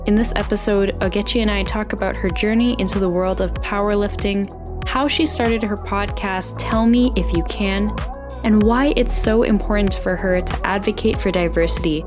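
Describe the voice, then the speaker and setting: A woman's voice: medium pitch, fairly even intonation, moderate pace. Woman, podcast host, encouraging interviewer, guitar music behind. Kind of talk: scripted podcast intro and interview.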